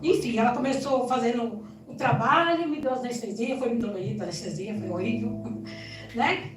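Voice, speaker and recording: High-voiced woman giving church testimony. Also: a little fast. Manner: animated storytelling with frequent tag questions. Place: church sanctuary. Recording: echoey church hall, distant mic, soft music.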